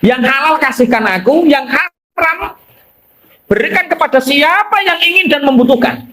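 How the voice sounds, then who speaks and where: A man's voice: extremely high pitch, lively intonation, moderate pace, bright, forceful tone, pitched above the performer's own voice, heavily acted. A man voicing a repentant woman who speaks with earnest, pleading urgency.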